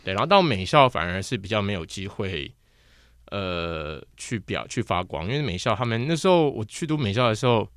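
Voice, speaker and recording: Fast-talking man telling lively stories. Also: lowish voice, no echo, clean studio sound. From Taiwan. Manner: animated storyteller who slips into mimicked voices. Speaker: podcast guest, actor. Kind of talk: casual podcast chat.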